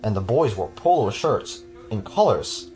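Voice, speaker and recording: A man's voice: on the low side, sing-song, measured pace, darkish tone, faint music behind. A man hosting a podcast, reading a horror story aloud with casual, chuckling asides to his cohost.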